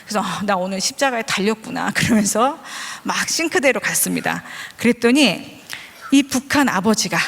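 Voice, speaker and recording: A woman's voice: on the high side, a bit bright. A woman in her forties preaching a sermon, telling stories with humor and joking with her congregation. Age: 40s. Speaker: preacher, vice principal. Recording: long hall reverb.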